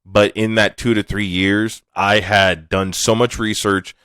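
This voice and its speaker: A man's voice: lowish voice, flat delivery, a little slow, fairly bright tone, smooth, no echo. A man hosting a podcast, talking alone in a candid, laid-back way and swearing casually. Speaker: podcast host. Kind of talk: casual monologue.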